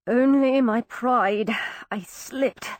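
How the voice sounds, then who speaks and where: A woman voicing Sherlock Holmes, a young man who speaks slowly, coolly and with superior calm. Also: fairly high pitch. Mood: aloof. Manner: slow, cool, superior.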